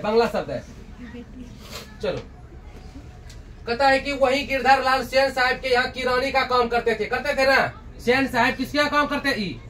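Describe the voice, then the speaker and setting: High-voiced teacher quizzing his class. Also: fairly bright tone, far from the mic. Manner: repeats questions to the class and answers them, acts out dialogue. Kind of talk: explaining a Hindi textbook story to students.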